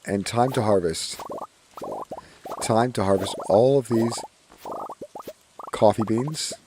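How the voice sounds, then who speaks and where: This gaming streamer has a hoarse, fairly low voice that cracks now and then as he slowly talks through a farming game. His casual commentary is loose and chatty, with many lines said twice, and faint noise sits beneath his voice.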